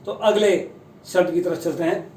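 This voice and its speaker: Man slowly teaching word pronunciation. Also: high-pitched, fairly even intonation, darkish tone, echoey room, distant mic, a little hiss or hum, low-quality recording. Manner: slow, careful spelling-out of long English words; self-deprecating, chatty. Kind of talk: Hindi-language pronunciation lesson.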